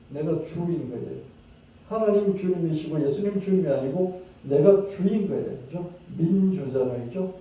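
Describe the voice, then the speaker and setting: A man preaching a sermon as pastor, talking conversationally, asking his listeners questions, and acting out hushed pleading prayers. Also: on the high side. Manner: conversational, asks the congregation rhetorical questions. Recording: distant, very echoey dull-sounding room.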